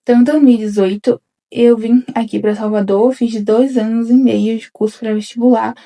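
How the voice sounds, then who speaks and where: A young woman in her twenties speaks straight to camera in a casual, confessional vlog, her slightly high voice carrying a gravelly fry and a dark, mellow tone. She rambles, restarts her sentences and keeps turning to her viewers as if chatting with friends. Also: steady tone, moderate pace. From Bahia interior, Brazil. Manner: rambling, repeats "gente" often, frequent restarts. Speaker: vlogger, newly graduated dentist.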